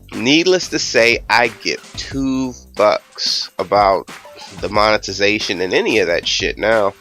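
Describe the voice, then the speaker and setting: A man's voice: on the low side, fairly bright tone. Man ranting profanely to camera. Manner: profane, rambling, emphatic. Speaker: YouTube channel host. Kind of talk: casual ranting monologue.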